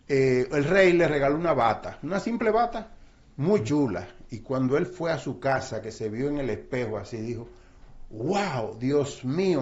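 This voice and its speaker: Older man telling money stories. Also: fairly high pitch. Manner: storytelling, acts out quotes, frequent fillers. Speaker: guest speaker on finance. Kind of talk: casual explanatory talk. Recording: dull lo-fi sound.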